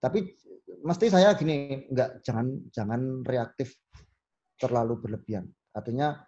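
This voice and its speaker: A man, a podcast guest telling stories in a relaxed chat and acting out the lines he quotes. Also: medium pitch, measured pace, dull audio. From Solo, Central Java. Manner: animated storyteller who acts out quoted lines. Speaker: podcast guest, business owner.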